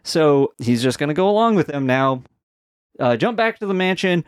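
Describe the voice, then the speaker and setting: A man's voice: fairly high pitch, animated, normal speed, smooth, dry recording, clean studio sound. A man co-hosting a podcast, recapping a TV episode in a laid-back, chatty way with frequent laughs. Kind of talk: casual chat.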